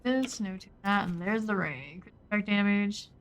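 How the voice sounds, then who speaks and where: A woman's voice: mid-range voice, expressive, normal speed, slight background noise. A woman giving casual live gameplay commentary, muttering in short clipped fragments as she thinks aloud. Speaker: game streamer.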